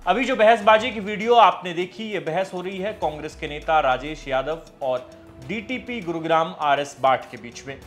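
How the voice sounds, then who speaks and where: A man hosting a news show, narrating a report in an energetic, emphatic way. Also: fairly high pitch, moderate pace, soft background music.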